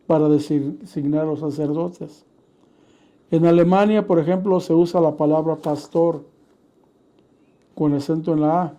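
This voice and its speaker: A man teaching in a measured sermon style, steadily citing scripture verses as he explains. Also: on the high side, warm tone.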